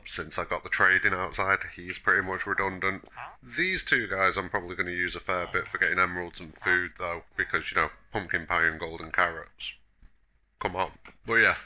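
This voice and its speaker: A man hosts a casual gameplay tour in a low-pitched voice with a very sharp, bright edge. He sounds chesty from a cough and rambles along in a self-deprecating, mildly grumbling way. Faint noise and clicks sit behind him. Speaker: host of a gaming video.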